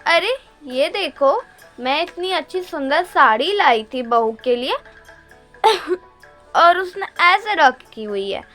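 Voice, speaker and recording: A woman's voice: high-pitched, heavily acted. A woman playing a nagging older mother-in-law with a sore throat who keeps coughing and scolding in a comic family skit. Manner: complaining, scolding, calls out loudly.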